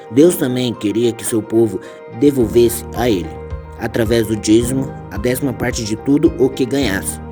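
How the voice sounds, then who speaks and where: A man reading scripted explanatory narration. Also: mid-range voice. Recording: clear music behind narration. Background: music.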